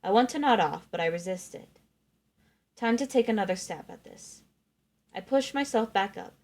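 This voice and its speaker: A woman's voice: medium pitch, lively intonation, moderate pace, darkish tone. A woman reading a novel aloud in first person, expressively acting out the narrator's thoughts.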